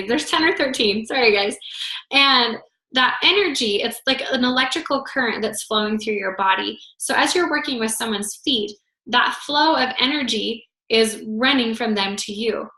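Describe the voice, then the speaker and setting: A woman's voice: on the high side, pushed and bright. A woman teaching a group in a casual, chatty way, full of filler words, her voice slightly worn. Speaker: foot zoning instructor. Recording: roomy echo.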